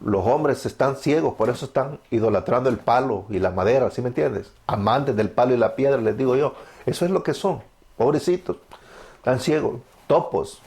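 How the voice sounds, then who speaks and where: A man in his thirties from El Salvador preaches an evangelical testimony sermon with fervor, posing questions and answering them himself. His Salvadoran Spanish accent comes through in a mid-range, slightly mellow voice at a moderate pace.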